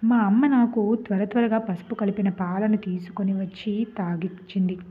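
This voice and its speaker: A woman's voice: mid-range voice, steady tone, normal speed, breathy edge. Woman, storyteller, dramatic first-person narration, emotional delivery, lo-fi phone-like sound. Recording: tinny phone-like lo-fi.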